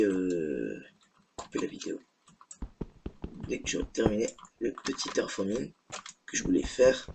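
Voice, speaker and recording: A man's voice: lowish voice, creaky, fairly bright tone. A young man giving casual, hesitant, rambling commentary as he hosts a gaming video. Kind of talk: casual unscripted let's play commentary. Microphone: gaming headset. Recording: noisy mic, audible keyboard clicking. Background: keyboard typing noise and clicks.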